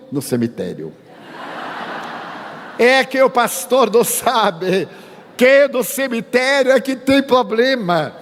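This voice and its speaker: Older man telling a spiritist talk. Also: sits high. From Bahia, Brazil. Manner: storytelling, acts out dialogue, humorous. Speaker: spiritist speaker. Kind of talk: sermon-style lecture with anecdotes. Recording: reverberant hall.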